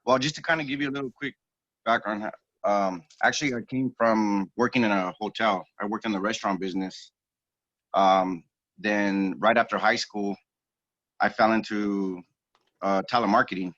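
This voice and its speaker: Male guest on a call, low-ish voice, casual rambler, flat dry phone-speaker sound. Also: moderate pace, no room sound. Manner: relaxed, rambling, many ums and restarts. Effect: heard over a phone speaker. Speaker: real estate agent guest. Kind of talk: casual interview storytelling. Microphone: phone on a group call. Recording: dull, dry phone audio.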